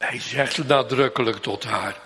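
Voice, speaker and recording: A man preaching a sermon in a church, solemn and emphatic, drawing out repeated pleas slowly. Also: mid-range voice, a bit bright, husky. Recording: long reverb of a church hall.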